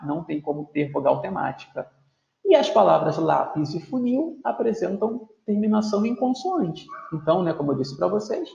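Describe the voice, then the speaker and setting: A man teaching a video lesson in a gravelly, slightly high voice. He explains step by step and keeps checking in with the class. The recording sounds roomy and dull. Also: darkish tone.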